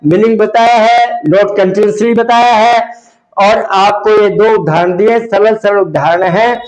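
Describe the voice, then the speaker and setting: A man's voice: high voice, steady tone, echoey room, rough recording. A man teaching an English vocabulary lesson with an Indian accent. He explains words and meanings in Hindi, repeats each word carefully and keeps checking that students understand. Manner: explains slowly, repeats words, asks "samjhe?".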